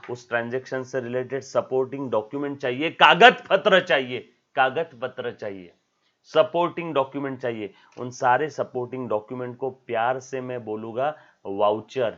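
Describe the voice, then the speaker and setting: A man's voice: medium pitch, steady tone, moderate pace. A man teaching an accounting lesson, asking his students questions, repeating key words and acting out little dialogues. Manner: acts out dialogues in a raised voice, asks students questions; code-mixes English terms, repeats key words. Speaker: commerce teacher. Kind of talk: classroom lecture. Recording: dull lo-fi sound.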